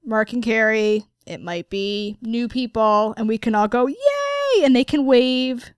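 A woman's voice: a little high, fairly even intonation, unhurried, smooth, no room sound, clean studio sound. A woman co-hosting a podcast in casual chat, sarcastic and laughing often. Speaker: podcast co-host.

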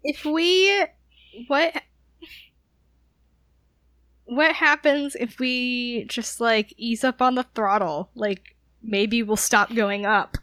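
A woman's voice: a little high, slow, pauses often, fairly bright tone, dry recording. A woman playing in a tabletop game, thinking aloud hesitantly. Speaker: player. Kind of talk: casual tabletop game chat.

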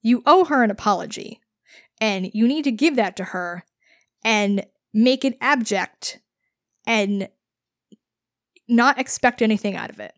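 A woman voicing a calm, firm noblewoman mother giving blunt advice, in a plain matter-of-fact tone. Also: a little high, measured pace, long pauses, no echo, studio quality.

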